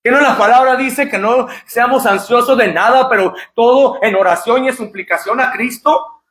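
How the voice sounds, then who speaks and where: High-voiced man preaching with fire. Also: normal speed. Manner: impassioned preaching, shouting at peaks, repeating phrases. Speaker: pastor. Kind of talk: sermon. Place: church. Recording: echoey church hall.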